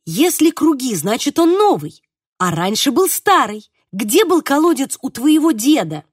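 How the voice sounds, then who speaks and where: A stubborn older woman presses her point with emphatic insistence in an audiobook, as a woman reader puts her on. The voice sits high and swings widely, recorded dry and close. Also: sing-song, unhurried, husky, dry recording, heavily acted. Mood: insistent. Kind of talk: audiobook reading.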